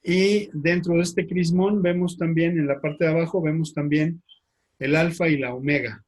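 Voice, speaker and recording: A man, a priest with a Mexican Spanish accent, giving a slide lecture, speaking haltingly with frequent fillers and tag questions. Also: on the high side, fairly even intonation. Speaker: priest teaching.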